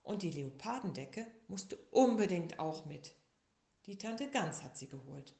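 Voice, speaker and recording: A woman reading a children's story aloud in a slow, lively, expressive way. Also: on the low side, creaky. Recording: echoey room.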